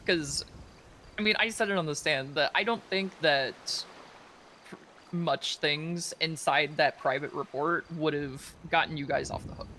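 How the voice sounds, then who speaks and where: A man talking in character as a law enforcement officer in a roleplay, measured and hedging, with many fillers. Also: on the high side, pushed and bright, a little hiss or hum.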